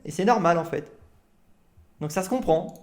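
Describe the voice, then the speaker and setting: Reaction host, indignant and repetitive, mid pitch, argues with the clip on screen. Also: lively intonation, moderate pace, darkish tone. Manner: repetitive, indignant, swears a lot.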